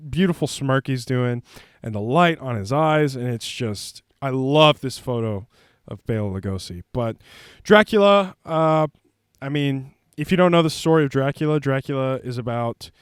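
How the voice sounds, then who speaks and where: Smooth, dry-voiced rambling movie guy. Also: medium pitch, animated, normal speed, no echo. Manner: rambling, filler-heavy, jokey. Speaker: host. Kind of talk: casual movie commentary.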